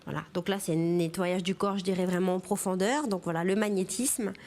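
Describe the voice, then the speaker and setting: A woman's voice: fairly low pitch, steady tone, brisk, a little mellow. A woman hosting an interview, leading the talk with short prompts and questions. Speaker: interview host.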